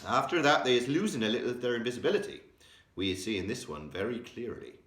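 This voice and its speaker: A man voicing an excitable old male giant who mangles his grammar, invents words and bursts into loud exclamations. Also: medium pitch, quick pace, roomy sound, pitched above the performer's own voice, natural voice. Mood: explaining.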